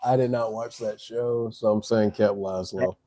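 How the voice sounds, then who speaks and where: A man's voice: fairly low pitch, steady tone, normal speed, warm tone, dry recording, studio quality. A man co-hosting a casual podcast chat, enthusiastic and jokey. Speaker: podcast co-host.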